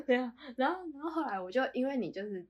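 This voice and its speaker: A woman co-hosting a casual chat podcast, telling a story with lively acted-out quotes. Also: sits high, racing, a crowd in the background. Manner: animated storytelling, acts out her own quoted lines. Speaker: podcast co-host.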